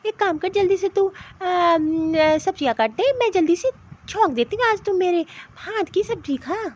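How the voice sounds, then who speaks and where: In Hindi cartoon voice acting, a woman plays a kindly middle-aged mother-in-law, speaking in an affectionate, soothing way. Her pitch is extremely high and her intonation lively, at a normal speed, though the audio sounds dull.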